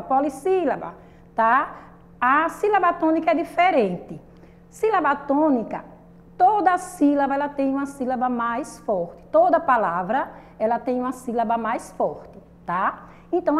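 A woman's voice: high voice, very animated. A woman teaching a primary school lesson to children with a Brazilian Portuguese accent, patient and repetitive, asking the class questions and drawing out syllables. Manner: patient, repeats and asks the class questions, drawn-out sung syllables.

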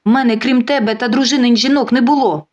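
Жінка озвучує самовпевненого чоловіка середніх років, що кидає дружину, а потім розгублено виправдовується й благає. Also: female voice, a little high, fairly even intonation, fast talker, a little mellow, muffled recording, voice pushed up, lightly acted. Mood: indignant. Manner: blustering, then flustered and pleading. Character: self-assured middle-aged man leaving his wife.

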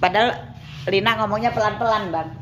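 A woman's voice: medium pitch, fairly quick, highs cut off. A woman, a caretaker chatting casually, calling out names and teasing. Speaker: caretaker at a care home. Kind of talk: casual chat. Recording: faint background noise.

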